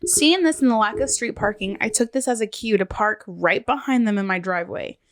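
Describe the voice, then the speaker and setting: With a nasal sound from the cold she's getting, a woman co-hosts a podcast, reading revenge stories aloud in a casual way and laughing a lot. Her voice is mid-range and a little fast.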